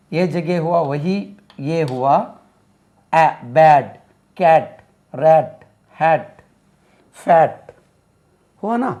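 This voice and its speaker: Male tutor; unhurried, patient step-by-step explanations, higher-pitched voice. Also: darkish tone. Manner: explains step by step, repeats words slowly to model pronunciation. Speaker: English teacher. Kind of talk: classroom explanation.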